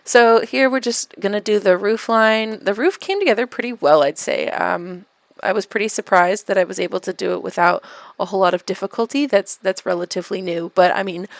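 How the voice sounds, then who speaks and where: A woman's voice: medium pitch, creaky, no echo. A woman talking casually over her game build as a YouTube vlogger, chatty with lots of fillers and restarts, and a dry, self-mocking humor. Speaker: gaming YouTuber.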